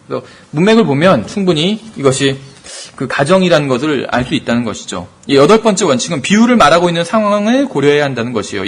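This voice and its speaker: A man's voice: a little high, breathy edge. A man teaching a Bible study class as pastor, explaining points and asking rhetorical questions.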